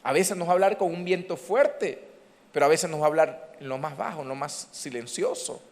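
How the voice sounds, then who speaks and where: A man's voice: on the high side, a little fast. A man preaching a sermon as pastor, calling out emphatically to his congregation. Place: church hall. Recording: church hall reverb.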